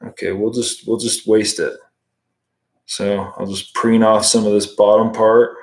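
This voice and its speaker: Unhurried and lowish in pitch, a man in his thirties from the US hosts a casual live fly-tying tutorial indoors at home. He keeps things relaxed and conversational, answering chat comments while he works.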